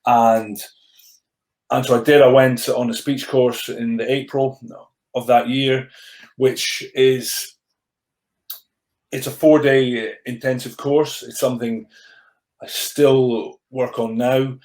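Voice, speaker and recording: The podcast guest, a former rugby player now coaching, tells his personal story earnestly, slowly and with frequent pauses. His mid-range voice is darkish and barely changes pitch. A largely managed stammer makes him repeat words and restart, and the room sounds echoey.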